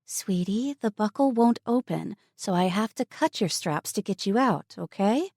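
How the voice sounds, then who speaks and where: A woman reading an audiobook voices a kind teenage girl who talks in a soft, sweet, coaxing tone. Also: mid-range voice, animated, a little slow, no room sound, studio quality, voice pushed up. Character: kind teenage girl soothing a scared toddler.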